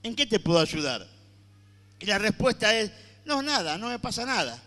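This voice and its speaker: A male pastor preaching a sermon to his congregation, moving between loud dramatic lines and hushed ones. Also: high voice, big pitch swings, normal speed. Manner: addresses the congregation directly. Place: church hall with congregation. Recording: long hall reverb.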